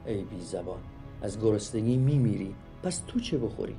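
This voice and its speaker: A man voicing a sick, kind mother who speaks softly and plaintively. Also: mid-range voice, animated, gravelly, faint music behind, pitched above the performer's own voice. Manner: soft and plaintive.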